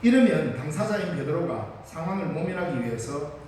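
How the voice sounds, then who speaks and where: A man's voice: on the high side, big pitch swings, fairly quick, a little mellow, slight background noise. A male pastor with a Gyeongsang accent, preaching a Sunday sermon and telling the story vividly, acting out the dialogue. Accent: Gyeongsang Korean. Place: church sanctuary. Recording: echoey church hall from far off.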